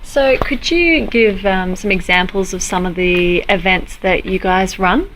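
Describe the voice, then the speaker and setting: Woman interviewer, mid-pitched presenter voice, frequent soft murmurs, faint ambience behind. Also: measured pace, slight background noise, rough recording.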